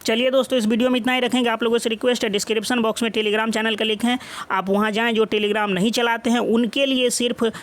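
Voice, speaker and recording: A man, a coaching channel teacher speaking straight to exam candidates, scolding and urging them with drawn-out emphatic phrases. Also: very high-pitched, level tone, a bit bright. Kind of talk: direct-to-camera address to exam candidates.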